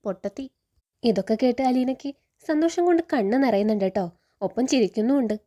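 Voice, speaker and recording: A woman with a Kerala Malayalam accent tells a TV serial's story in a rapid, chatty flow. Her voice sits a little high but sounds mellow and soft. She tags friendly particles onto her sentences as she narrates. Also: expressive.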